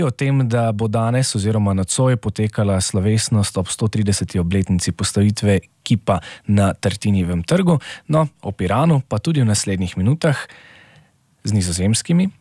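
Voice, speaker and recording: A man presenting on the radio, reading a smooth scripted introduction. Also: fairly low pitch, darkish tone, dry recording, studio quality. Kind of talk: radio link in Slovene.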